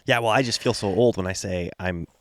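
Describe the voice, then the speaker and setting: A man in his thirties co-hosting a podcast, talking in a relaxed, agreeable, plain-spoken way. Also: on the low side, fairly quick, a little hiss or hum. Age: 30s. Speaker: podcast co-host. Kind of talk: casual chat.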